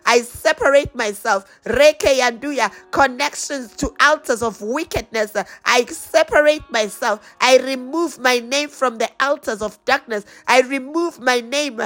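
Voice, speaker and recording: A woman leading a fervent spoken prayer, slow and rhythmic, with repeated declarations and stretches of speaking in tongues. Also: high-pitched, fairly bright tone. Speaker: prayer leader.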